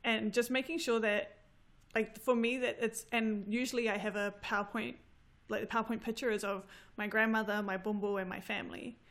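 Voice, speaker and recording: In casual conversation, this New Zealand woman in her thirties, a graduate student, spins lively stories punctuated by frequent laughter. Her voice sits on the high side, and she talks briskly with few pauses.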